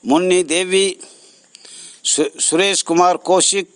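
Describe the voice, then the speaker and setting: Here an association president talks straight to his backers in an earnest, faltering way, repeating things and stopping between phrases. His voice is high with a fairly bright tone, and there's no room sound.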